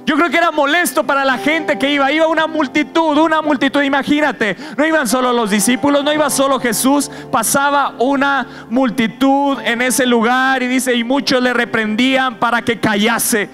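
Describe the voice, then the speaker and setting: A man's voice: extremely high pitch, fairly even intonation, normal speed, hardly any pauses, fairly bright tone. A man preaching a sermon as guest preacher, with impassioned, repetitive exhortation. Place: church service. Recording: guitar music behind.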